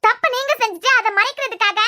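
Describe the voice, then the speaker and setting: A woman's voice: extremely high pitch, fast, sharp tone, dry recording, studio quality, voice pushed up, exaggerated voice. A woman voicing an alarmed young woman in a cartoon series, urgent and protesting, with a Kanyakumari Tamil accent. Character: anxious young woman, the son's bride-to-be. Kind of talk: cartoon web series voice acting.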